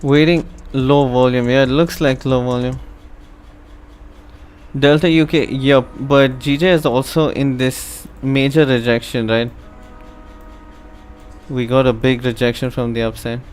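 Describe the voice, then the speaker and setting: A man from India casually commenting on a live stream, chatting to his viewers in a relaxed way. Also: medium pitch, clean tone. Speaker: live trading stream host.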